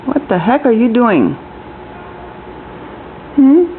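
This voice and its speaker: A woman's voice: a little high, big pitch swings, takes it slowly, slight background noise. A woman at home talking to her pet bird in sing-song baby talk while filming it on a handheld camera. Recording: tinny lo-fi camera audio.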